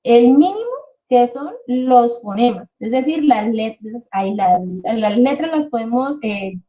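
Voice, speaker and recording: A woman speech therapist presenting a webinar to parents and teachers, explaining patiently and slowing down to model words the way she would for children. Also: on the high side, expressive, dark tone.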